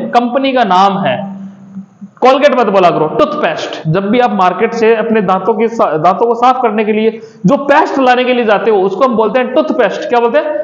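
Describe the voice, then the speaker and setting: A man teaches English vocabulary to children, repeating each word and asking the class to call it back. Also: very high-pitched. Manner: repetitive call-and-response questioning. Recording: echoey muffled room recording.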